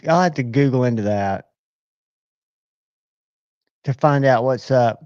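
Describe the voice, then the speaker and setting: A man's voice: medium pitch, a little mellow, no echo, highs cut off. A man hosting a casual live stream, rambling and talking to himself as he checks his screens. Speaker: livestream host.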